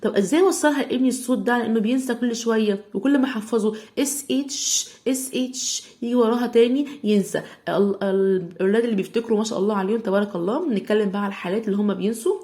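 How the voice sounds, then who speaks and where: A woman with an Egyptian Arabic accent teaching English phonics, sounding out words slowly part by part. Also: fairly high pitch. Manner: slow stretched sounding-out of word parts, loud on examples. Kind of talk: phonics lesson.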